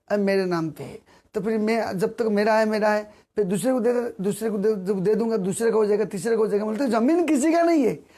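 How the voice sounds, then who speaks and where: A man giving a devotional sermon, repeating phrases and asking rhetorical questions, sometimes singing verses slowly. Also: high voice, dark tone. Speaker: preacher.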